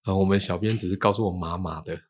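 A man tells his stories at a rapid clip in a low-set voice. He slips into the voices of the people he quotes as he goes. It is relaxed, chatty storytelling. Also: husky. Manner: animated, acts out quoted dialogue. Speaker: feng shui teacher. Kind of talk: casual storytelling chat.

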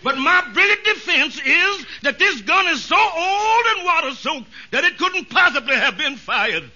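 An actor playing a slow-drawling, self-satisfied small-time male lawyer in an old radio sitcom, on a lo-fi recording. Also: extremely high pitch, sing-song, bright, forceful tone, full character voice. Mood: scheming. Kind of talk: 1950s radio sitcom acting.

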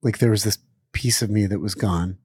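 This middle-aged chef, born in Israel and raised in Pittsburgh, has a fairly low, slightly mellow voice with a breathy edge, speaking at normal speed. He rambles through a casual interview with many fillers and self-corrections, on clean studio audio without echo.

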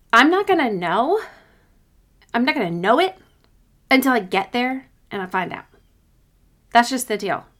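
A woman hosting a solo coaching podcast, talking conversationally and giving informal, encouraging advice. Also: mid-range voice.

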